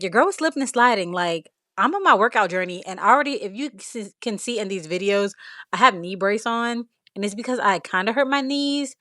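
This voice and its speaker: A woman in her thirties talks casually to camera in her home kitchen, rambling and poking fun at herself with plenty of fillers. Her voice sits at an average pitch. The sound is dry, with no room echo. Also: fairly bright tone. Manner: chatty, rambling, self-deprecating, many fillers. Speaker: vlogger, mother of a large family. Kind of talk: casual talk to camera while cleaning.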